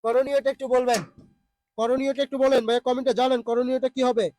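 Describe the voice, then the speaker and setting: A man's voice: very high-pitched, little pitch movement, fast talker, dark tone, no echo. A man who is unwell teaches Bengali spelling and pronunciation in a live online class, reading out viewer comments and patiently repeating words to drill them.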